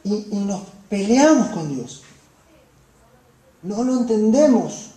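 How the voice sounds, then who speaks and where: A woman with a Rioplatense Spanish accent preaching a sermon, passionate, dropping to hushed phrases and rising to emphatic ones. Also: medium pitch, sing-song, slow. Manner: impassioned, swings between soft hushed phrases and raised emphatic ones. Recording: echoey room.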